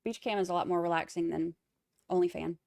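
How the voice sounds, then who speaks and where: A Boston-accented woman talks fast in a fairly low, gravelly, slightly mellow voice with a steady tone. Hosting a live stream commenting on a trial, she's chatty and wry, wanders into asides, and reads viewer comments aloud. The sound is dry and clean, like a studio.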